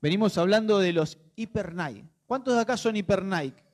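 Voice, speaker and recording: A man's voice: high-pitched, lively intonation, normal speed. A man with a Rioplatense Spanish accent preaching a sermon in a conversational, jokey way, full of rhetorical questions to his congregation. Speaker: pastor.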